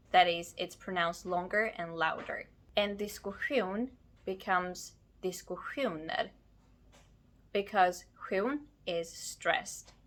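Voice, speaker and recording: A woman giving a scripted language lesson, explaining slowly and carefully while ill and low on energy. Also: a bit bright. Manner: slow, careful explanation with words spelled out. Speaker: language teacher.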